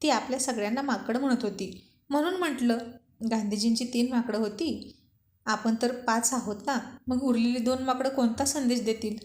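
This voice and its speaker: A woman's voice: fairly high pitch, moderate pace, darkish tone, echoey room, natural voice. A woman voicing a teasing, bossy young married man in bantering talk with his friends. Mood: joking.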